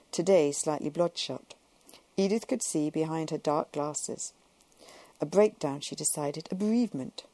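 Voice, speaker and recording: A woman narrating a novel in a measured, even storytelling manner. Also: sits low, dry recording. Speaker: audiobook narrator. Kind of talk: scripted narration.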